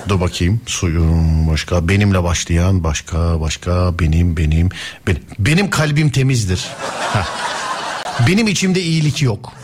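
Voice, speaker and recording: A man's voice: sits low, animated, moderate pace, a crowd in the background. A man hosting a live radio call-in show, teasing callers and laughing often.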